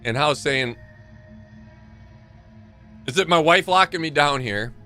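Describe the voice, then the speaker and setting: A man's voice: on the high side, slow, bright, forceful tone, soft background music. A man live-streaming a game with casual, playful commentary, reacting openly to what happens.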